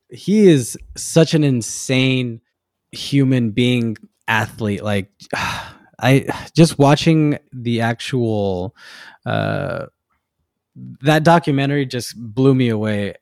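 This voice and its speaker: A man appears as a podcast guest and talks at an ordinary, middling pitch. He rambles in a loose way, stopping and restarting his thoughts. The recording is close and dry. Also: a little mellow, no echo. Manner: loose and rambling, many fillers and restarts, laughs easily. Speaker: guest, tattoo artist. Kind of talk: casual interview chat.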